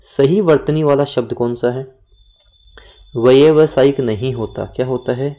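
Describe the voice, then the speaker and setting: A man with a mellow, dark-toned voice works through exam questions as a teacher. He repeats each word slowly and spells it out so students remember it. His delivery is steady and instructive. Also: mid-range voice. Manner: explains and repeats words, drills spelling points. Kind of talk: exam-prep lesson.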